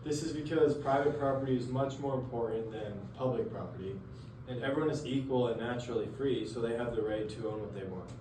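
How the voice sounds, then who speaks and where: A teenage boy playing a calm, principled male philosopher in a school role-play interview, reading plainly. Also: mid-range voice, a little fast, natural voice. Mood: earnest. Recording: roomy, distant mic, faint noise.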